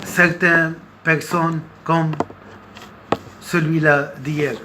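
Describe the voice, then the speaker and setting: With a slightly high voice, flat delivery, and sharp tone, a man gives an unscripted political monologue. He is very slow and halting, pausing at length and repeating words, and the recording carries noticeable background noise.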